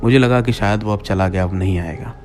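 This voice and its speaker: Low-voiced man telling a horror story. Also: fairly quick, faint music behind. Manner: addresses listeners as friends, acts out his own lines. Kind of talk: first-person horror story narration.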